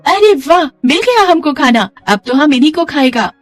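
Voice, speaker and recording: A woman's voice: a little high, normal speed, faint music behind, pitched above the performer's own voice, natural voice. Woman doing a naive bride. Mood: eager. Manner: cheerful, naive, broken grammar. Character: foreign young bride speaking broken Hindi.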